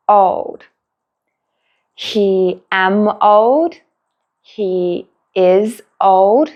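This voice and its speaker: A woman teaching a beginner English lesson, drilling simple sentences slowly and clearly with long pauses. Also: medium pitch, lo-fi sound.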